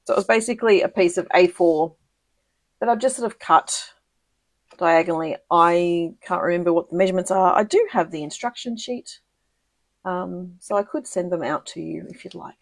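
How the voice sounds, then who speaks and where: A woman talks through a crafting project on a live stream, chatty and quick to laugh, with plenty of ums and restarts. Her voice sits a little low, and the sound is dry and close with no room around it. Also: no room sound. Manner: chatty, giggly, lots of ums and self-corrections. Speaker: papercraft demonstrator hosting a live video. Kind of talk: casual live crafting tutorial.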